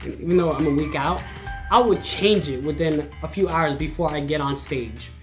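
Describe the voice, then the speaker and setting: A man's voice: fairly high pitch, moderate pace. A man, a photographer, speaking candidly and reflectively in a casual interview. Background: guitar music.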